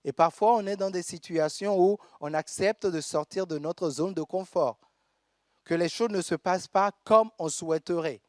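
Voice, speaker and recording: A man's voice: sits high, darkish tone, dry recording, studio quality. Man preaching. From Togo. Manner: measured preaching with pauses, reads scripture aloud. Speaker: pastor. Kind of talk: sermon. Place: church.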